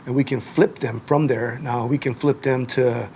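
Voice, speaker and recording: A laid-back man from Japan tells his story on camera and keeps dropping "man" and "you know". His voice stays flat and even, with a faint hiss of room noise behind it. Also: mid-range voice, normal speed, gravelly. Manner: relaxed, rambling, says "man" and "you know" often. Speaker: interviewee. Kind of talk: casual on-camera interview.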